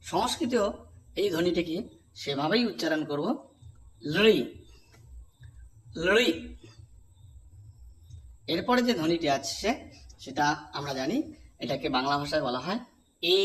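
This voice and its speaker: A man teaching a pronunciation lesson, repeating each vowel sound slowly and asking the class to say it back. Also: a little high, slight background noise. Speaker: Sanskrit teacher.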